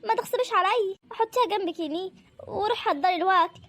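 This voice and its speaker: A woman voicing a sick elderly village mother with an Upper Egyptian accent. She sounds tired, complains and refuses food in a soft voice. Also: very high-pitched, fast talker, pitched above the performer's own voice. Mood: weary. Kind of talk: amateur audio drama.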